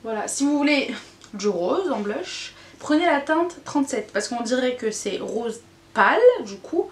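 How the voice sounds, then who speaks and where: A woman's voice: a little high, expressive, measured pace. A woman beauty vlogger giving a casual, candid makeup review, chatty and full of fillers and groaning exclamations. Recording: echoey room, faint noise.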